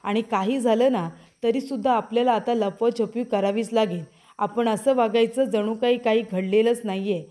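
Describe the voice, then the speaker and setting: A young husband from a TV serial coaxes his wife to calm down, as a woman narrator voices him. The voice is a little high and warm. He repeats his pleas in a soothing way. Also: normal speed, close to an everyday voice.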